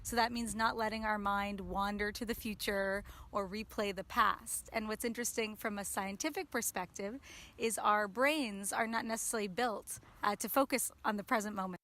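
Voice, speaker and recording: A woman who teaches mindfulness answers interview questions in a calm, explanatory way, often starting with "um" or "so". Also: medium pitch, moderate pace.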